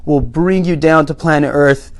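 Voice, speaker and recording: A man's voice: on the high side, normal speed, natural voice. Man doing offhand, generous parents. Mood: reassuring. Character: generous, coaxing pair of parents.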